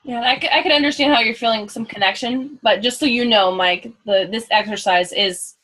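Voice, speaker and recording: A woman's voice: a little high, a little fast, bright, forceful tone, low-quality recording. A woman coach trainer leading a live coaching demonstration, curious and probing, with an upbeat way of asking questions.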